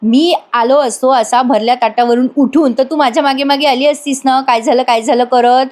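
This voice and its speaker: A playful young husband who coaxes and teases his upset wife, as voiced by a woman narrator. The voice stays high, because the woman telling the story does not change her own register. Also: fairly even intonation, normal speed, a little mellow, natural voice. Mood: teasing. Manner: teasing, coaxing.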